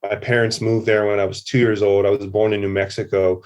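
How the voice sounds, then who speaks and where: A man's voice: on the low side, flat delivery, fairly quick, darkish tone. A middle-aged man from Hawaii, a festival producer, talking casually as a podcast guest with lots of fillers and restarts. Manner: rambling, many fillers and restarts. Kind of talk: casual conversational interview.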